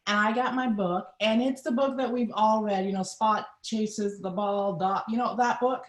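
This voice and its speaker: A woman's voice: mid-range voice, normal speed. Trinidadian woman telling her story. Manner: animated, acts out voices in her story. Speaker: guest. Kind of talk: personal storytelling in an interview. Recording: roomy echo.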